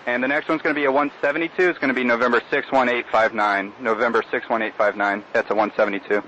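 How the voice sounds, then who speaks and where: A man's voice: mid-range voice, fairly even intonation, fast talker, sharp tone. A man, an airport operations officer, reporting to ground control over aviation radio. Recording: dull, faintly noisy radio transmission.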